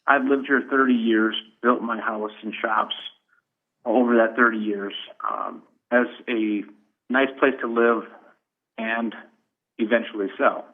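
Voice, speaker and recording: A man's voice: medium pitch, fairly even intonation, a little slow. A middle-aged man calling in on speakerphone to give blunt, plainspoken public comment at a county meeting. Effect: on speakerphone over a phone line. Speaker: caller giving public comment. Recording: tinny phone line over a room speaker.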